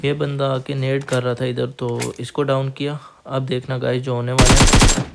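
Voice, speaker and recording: A young man from Pakistan with a Pakistani accent, hoarse, narrating his own mobile game match step by step to viewers he calls guys. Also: mid-range voice, level tone, moderate pace, heavy background noise. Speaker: mobile gaming YouTuber. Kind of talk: gameplay commentary voice-over. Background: faint game gunfire.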